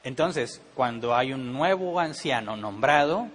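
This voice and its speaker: A man's voice: medium pitch, expressive, a little slow, a bit bright. Man teaching with a Monterrey accent. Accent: Monterrey Mexican Spanish. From Monterrey, Mexico. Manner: conversational, asks rhetorical questions. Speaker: pastor. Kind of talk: Bible study teaching.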